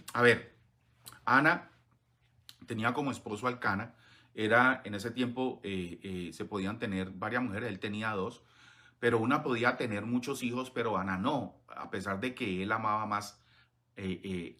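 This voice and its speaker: Bright-voiced man preaching a sermon. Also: mid-range voice. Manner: earnest, addresses listeners as beloved, frequent hesitant fillers; reads scripture passages aloud between comments.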